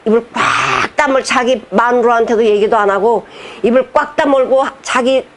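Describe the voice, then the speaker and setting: A woman pastor preaching with emphasis and conviction. She talks straight to her congregation, mixing formal sermon phrasing with casual everyday speech. Her voice sits fairly high, with faint noise in the background. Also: normal speed.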